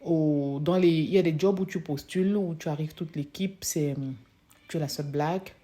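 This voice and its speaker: A young African woman studying social work shares a personal testimony hesitantly, pausing often and restarting. Her voice is low and warm in tone.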